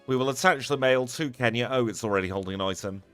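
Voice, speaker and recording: A man's voice: medium pitch, fast talker, a bit bright, smooth, faint music behind. A man wrapping up a live game stream, chatty and upbeat as he thanks his viewers one by one. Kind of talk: live stream sign-off chat.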